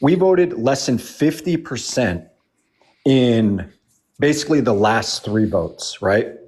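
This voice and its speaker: A man in his forties pressing his case in a heated argument, blunt and emphatic, circling back to the same points. His voice sits in an ordinary middle pitch. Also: animated, takes it slowly, darkish tone. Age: 40s. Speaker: debate participant.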